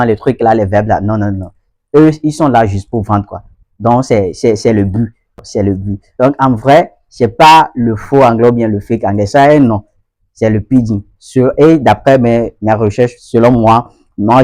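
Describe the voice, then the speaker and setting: The host of an English-learning channel, a man with a medium-pitched, slightly mellow voice, gives a casual video lesson with no echo. He talks directly to his viewers, repeats his points and frequently checks that they understand.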